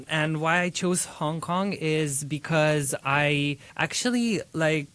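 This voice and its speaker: A young man in his twenties from Serbia, a student guest telling his story in a relaxed, rambling way with many fillers. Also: fairly high pitch. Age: 20s. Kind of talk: casual interview.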